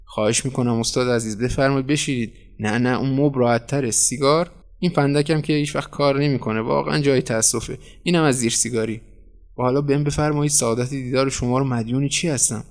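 A man voicing a calm, flattering newspaper editor who talks a painter into staying dead. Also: medium pitch, lightly acted. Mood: courteous. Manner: cool, persuasive, flattering. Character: smooth, scheming middle-aged male newspaper editor.

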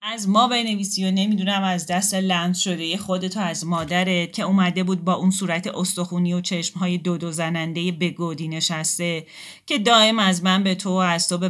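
A woman's voice: on the low side, a bit bright, close to an everyday voice. A woman voicing a drunk, bitter man who speaks in an agitated, confrontational way in an audiobook story reading.

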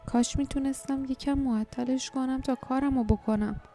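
A woman voicing a brave young man in danger, speaking in a high, urgent and pleading voice. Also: fairly even intonation, warm tone, soft background music. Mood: anxious. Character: desperate brave young male hero.

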